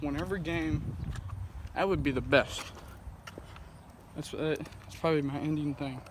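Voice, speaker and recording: A young man talks casually into a phone from inside a moving car, his voice sitting a little high. He rambles, jokes and restarts his sentences often. Steady road and car noise runs under the whole clip. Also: moderate pace. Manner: rambling, jokey, with many restarts. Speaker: vlogger. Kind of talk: casual vlog chat.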